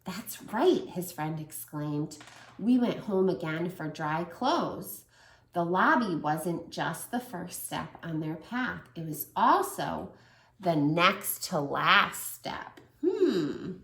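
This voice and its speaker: A woman in her thirties with a lowish voice reads a picture book to toddlers at a slow pace, pausing to ask them questions. She's a children's story reader and teacher, warm and animated in manner. The room is echoey.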